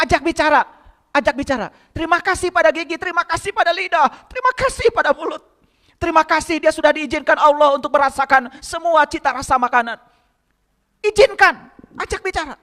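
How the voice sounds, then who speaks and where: A man's voice: very high voice, animated, a little fast, bright, forceful tone. A man with a light tinge giving a sermon, pressing the congregation with rhetorical questions. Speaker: spiritual teacher. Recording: long hall reverb.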